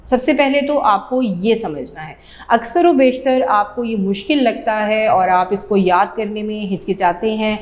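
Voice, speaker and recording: A woman teacher gives a patient classroom lesson to young students. She explains each term step by step and repeats key words. She often checks in with a quick "okay" as she moves along. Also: mid-range voice. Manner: often checks in with "theek hai".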